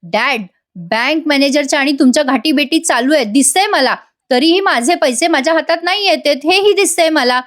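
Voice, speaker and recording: Defiant daughter, loud, confronting, read by a woman, high voice. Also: moderate pace. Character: defiant grown daughter demanding her money.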